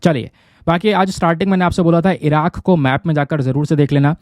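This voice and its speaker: A man's voice: a little high, fairly even intonation, quick pace, a little mellow, no room sound. A man teaching current affairs to exam students in a chatty way, often checking with his viewers. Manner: conversational, keeps checking with listeners. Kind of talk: explaining news to exam students.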